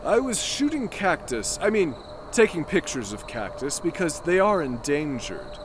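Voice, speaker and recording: A man's voice: fairly high pitch, big pitch swings, unhurried. Pompous melodramatic space lord guy, swoops all over, florid sci-fi audio drama, noise behind him. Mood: flustered bluster. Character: pompous, self-proclaimed dashing male space adventurer, vain and melodramatic.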